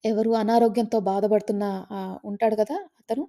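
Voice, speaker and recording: A woman's voice: medium pitch, level tone, brisk, dark tone. A woman, a meditation teacher, telling a story in a casual spoken way, retelling it conversationally with fillers and restarts.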